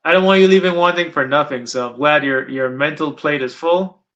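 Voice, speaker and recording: A man's voice: fairly high pitch, fairly quick, fairly bright tone. A middle-aged man from Guyana, chatting casually as an interviewer, rambling and repeating his points for emphasis. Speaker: interviewer and channel host. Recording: dull lo-fi sound.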